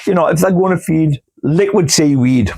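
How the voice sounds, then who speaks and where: A gardening channel host chats casually while potting plants in a cool indoor grow room, rambling in a homely way, full of fillers and hiccups. The man's voice is a little high, a little mellow and breathy at the edge, at normal speed.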